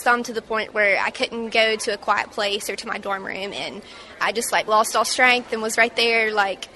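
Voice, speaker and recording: A woman in her twenties from Mississippi recounting a personal story in an interview, halting and reflective with many fillers. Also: a little high, sharp tone, a little hiss or hum. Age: 20s. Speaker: interview guest.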